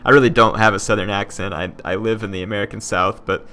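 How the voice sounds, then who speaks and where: A man's voice: lowish voice, fairly even intonation, quick pace, bright, forceful tone. A man from Oklahoma hosting a strategy game video, talking in a rambling, chatty way and saying y'all. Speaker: gaming channel host. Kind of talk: casual let's-play commentary.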